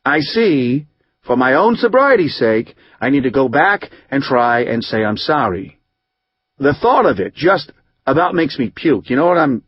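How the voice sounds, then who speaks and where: A man reading an audiobook, voicing a rough, hot-tempered recovering drinker who rambles in profane street slang. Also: on the high side, no echo, lo-fi sound. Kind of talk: audiobook narration.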